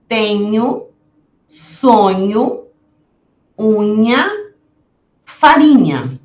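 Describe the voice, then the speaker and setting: A woman teaching a recorded language lesson, pronouncing words slowly and carefully and repeating them to demonstrate each sound. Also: medium pitch, roomy sound, dull audio.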